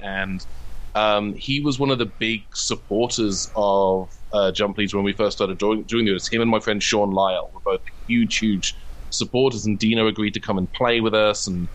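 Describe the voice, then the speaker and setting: He immigrated from abroad in 2007 and now writes comedy and makes audio dramas, which he discusses casually as an interviewee, wry and chatty with plenty of tangents. His fairly low voice keeps a fairly even intonation at a normal speed. The recording is rough.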